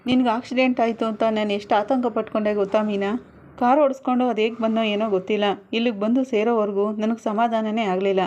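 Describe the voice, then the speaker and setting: A woman's voice: fairly high pitch, fairly even intonation, quick pace, a little mellow, natural voice. Tender young husband, read by a woman comforting his wife. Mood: consoling. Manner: soothing, apologetic pleading. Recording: dull lo-fi recording.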